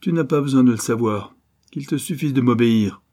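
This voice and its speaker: A man's voice: on the low side, normal speed, dark tone, slightly rough. A man reading aloud and voicing a sneering, ruthless male bandit chief in a storybook adventure. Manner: sneering, boastful.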